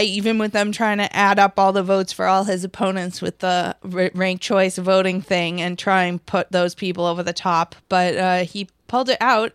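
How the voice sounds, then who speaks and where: A woman's voice: medium pitch, smooth, no room sound, clean studio sound. An American woman hosting a political commentary show, reading news articles aloud and adding casual, wry, sarcastic remarks.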